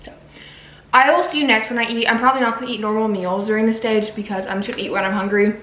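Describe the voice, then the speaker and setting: A woman with a fairly high voice talks casually through her food while recovering from having her wisdom teeth out. She sounds like a home vlogger in a clearly echoey room, with faint noise behind her. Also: steady tone, very fast, fairly bright tone. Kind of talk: casual chat to camera, narrating meals.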